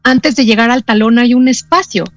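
A woman with a Mexican Spanish accent hosting a radio talk show, telling anecdotes in a lively way with quick asides. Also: a little high, dry recording, soft background music. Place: radio studio.

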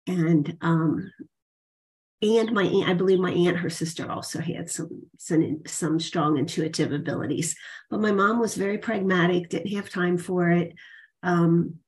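A woman with an American accent and a somewhat low voice speaks as an interview guest. She shares personal history in a conversational style. She often halts mid-sentence before carrying on. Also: unhurried. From United States. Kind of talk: conversational life story.

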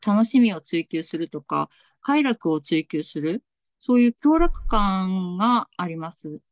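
A woman astrologer with a slight Tsugaru accent, giving a slow, deliberate reading with soft fillers. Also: mid-range voice, dry recording. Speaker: astrologer guest.

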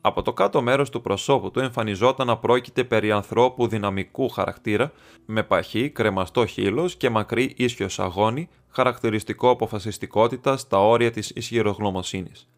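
A man narrating a classic detective story as an audiobook reader, in a steady reading voice. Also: on the low side.

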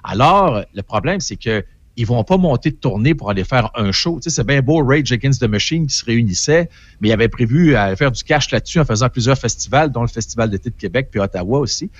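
A man's voice: medium pitch, animated, fairly quick, lo-fi sound. A man with a Québécois French accent, giving an opinionated, rambling entertainment column in casual radio chat.

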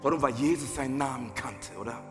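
A man's voice: mid-range voice, quick pace. A man preaching a sermon as a pastor, passionate, asking his listeners direct questions and mixing in English phrases. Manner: mixes English phrases into German. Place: church hall. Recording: roomy hall reverb with faint music.

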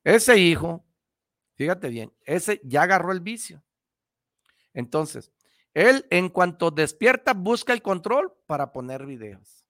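A man's voice: high voice, sing-song, takes it slowly, fairly bright tone, no echo, studio quality. A man with a young child of his own, hosting a motivational radio talk, preaching and repeating himself as he addresses the listener directly. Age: adult parent. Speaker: radio host giving motivational advice.

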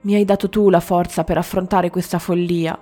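A woman's voice: lowish voice, steady tone, normal speed, warm tone, faint music behind, lightly acted. A woman voicing a grieving but determined prince in a storybook, speaking earnestly and with emotion.

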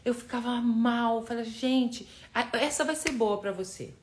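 A woman's voice: a little high, measured pace, noisy background. A woman hosting a casual motivational live stream, talking straight to her viewers, emphatic and repeating words for force. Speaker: live-stream host, personal development facilitator.

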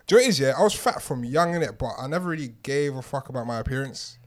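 A man's voice: medium pitch, animated, very fast. A man in his twenties with a South London accent, telling stories casually on a group podcast with lots of slang, swearing and joking. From South London, England. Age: 20s. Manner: slangy, sweary, jokey storytelling. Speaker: podcast regular.

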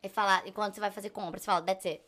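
A young woman, a podcast guest, chatting casually and telling animated stories, acting out the people she quotes. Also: mid-range voice, very fast. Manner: animated storyteller, acts out quotes.

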